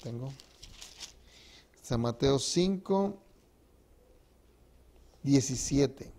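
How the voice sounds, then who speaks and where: A man's voice: mid-range voice, lively intonation, very slow, warm tone. A man, a pastor preaching a sermon to his congregation in a church, with emphatic rises and drops and frequent rhetorical questions. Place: church sanctuary.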